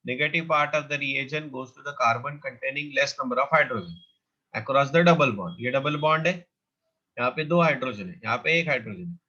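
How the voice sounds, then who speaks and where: A male chemistry teacher lectures a class in a mix of Hindi and English. He dictates each formula very slowly, then rushes through the explanation. His voice is bright and sharp, heard through a muffled, lo-fi recording. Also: mid-range voice.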